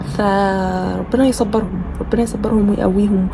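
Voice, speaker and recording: A woman's voice: medium pitch, steady tone, a little fast. A woman with an Egyptian Arabic accent giving an earnest, reflective commentary, often repeating herself as she searches for words. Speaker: video blogger. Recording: noisy background.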